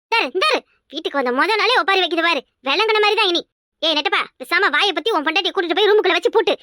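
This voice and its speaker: Cartoon: a nagging Kanyakumari mother-in-law, very high, fast, shrill, dry studio. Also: pushed and bright, no echo. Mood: scolding. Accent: Kanyakumari Tamil. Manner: scolding, quick and shrill. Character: sharp-tongued older village mother-in-law. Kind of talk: cartoon voice acting.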